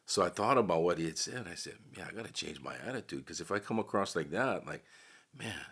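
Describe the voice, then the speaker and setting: A middle-aged man from Hawaii, chatting as a podcast guest. His voice sits low and husky. He tells his stories in an easygoing way and acts out the people he quotes. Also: fast. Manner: relaxed storyteller who acts out quoted voices. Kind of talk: casual storytelling chat.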